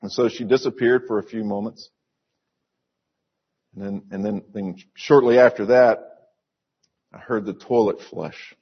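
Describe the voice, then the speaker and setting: Middle-aged male pastor, earnest sermon delivery, unhurried, slightly husky voice, somewhat dull recording. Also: lowish voice, steady tone. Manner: slow, earnest storytelling with emphatic repetition.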